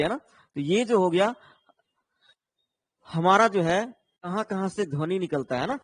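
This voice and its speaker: A man's voice: sits high, no echo. A man teaching an online exam-prep lesson, explaining patiently and often checking in with his viewers. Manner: explains patiently, tags lines with "है ना", answers viewers' comments.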